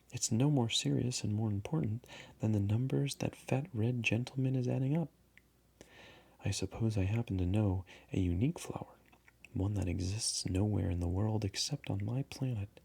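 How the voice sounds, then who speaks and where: A man's voice: fairly low pitch, vocal fry, darkish tone, husky. A man voicing a small, earnest and indignant boy prince in a storybook reading, with insistent questioning.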